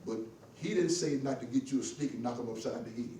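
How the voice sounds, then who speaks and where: An older man and veteran speaking up in a church class, fiery and preaching, getting excited as he talks. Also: medium pitch, fast talker, distant mic. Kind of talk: impassioned discussion. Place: church meeting room. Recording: echoey room from afar, faint hiss.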